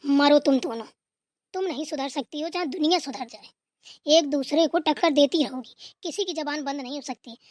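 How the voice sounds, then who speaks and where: A woman's voice: sits high, normal speed, a little mellow, no echo, clean studio sound, close to an everyday voice. A woman voicing a grumpy older mother-in-law who nags and scolds in a comic family skit. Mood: scolding. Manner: bossy, nagging scolding.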